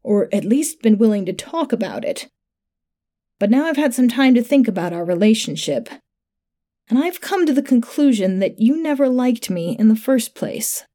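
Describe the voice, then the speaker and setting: A woman reading the part of a resentful young man in a dark sci-fi audio story, who ends up screaming in pain. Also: on the high side, animated, normal speed. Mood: bitter. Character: hurt, bitter young man, coworker turned victim.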